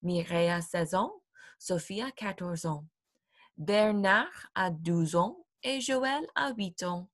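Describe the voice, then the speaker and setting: A woman teacher reading a graded storybook aloud for her class, slowly, clearly and expressively. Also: medium pitch, animated.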